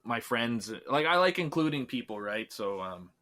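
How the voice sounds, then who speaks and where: A man's voice: mid-range voice, very animated, moderate pace, pushed and bright. A man from Canada, a filmmaker being interviewed, talking in an easygoing way that often trails off. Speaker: filmmaker guest. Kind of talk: casual interview chat.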